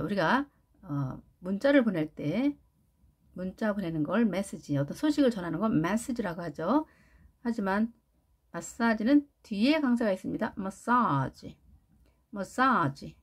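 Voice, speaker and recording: A woman teaching English pronunciation in Korean, repeating each word slowly and stressing syllables. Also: mid-range voice, animated, husky. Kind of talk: pronunciation lesson with drilled repetitions.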